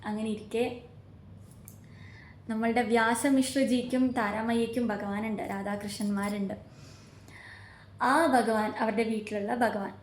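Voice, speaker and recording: A woman retelling a devotional saint's story in earnest, slow storytelling talk, asking rhetorical questions of her listeners. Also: medium pitch, darkish tone. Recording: echoey room with faint ambient noise.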